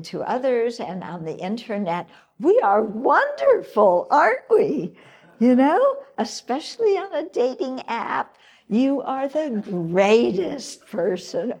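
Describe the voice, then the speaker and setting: Slow, husky woman giving self-help advice. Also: medium pitch, darkish tone. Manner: coaxing, asks rhetorical questions, often checks in with "yeah?". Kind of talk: self-help talk to camera.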